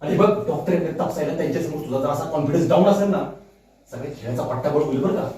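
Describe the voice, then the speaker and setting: A scheming husband coaxes and soothes his anxious wife, as a man acts him out for a TV serial. His voice sits fairly high and reassuring. It is heard from a distance in a strongly echoing room. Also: racing, warm tone, lightly acted. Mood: coaxing. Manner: coaxing, reassuring. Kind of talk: rehearsing a TV serial scene. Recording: echoey room from far off.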